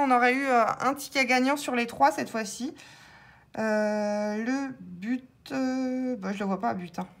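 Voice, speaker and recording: A woman vlogging as she scratches lottery tickets, chatting casually and calling out the letters as she goes. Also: on the high side. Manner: chatty, thinks aloud, spells out letters.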